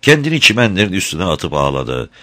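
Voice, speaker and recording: A man narrating a fairy tale in an expressive, scripted storytelling style. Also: low voice, fairly quick.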